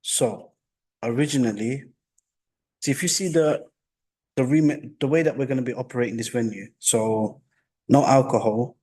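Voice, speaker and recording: Gentle-voiced guy pleading his licence case, kinda husky, unsure. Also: medium pitch, moderate pace, long pauses. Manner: soft-spoken, hesitant. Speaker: licence applicant. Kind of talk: formal hearing testimony. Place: council meeting room. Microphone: meeting room microphone.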